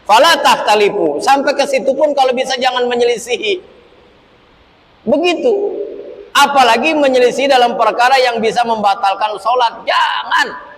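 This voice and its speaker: A man preaching a sermon, lively and humorous, chanting Arabic verses and acting out the imam and congregation. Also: extremely high pitch, moderate pace, a little hiss or hum. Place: mosque. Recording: echoey mosque hall with faint ambience.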